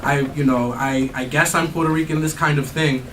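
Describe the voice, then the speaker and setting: A man's voice: a little high, steady tone, fairly quick, a bit bright. A man, an anthropology professor, answering audience questions in a thoughtful way with many fillers and restarts. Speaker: anthropology professor giving a talk. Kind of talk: academic Q&A answers. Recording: distant mic, faint noise.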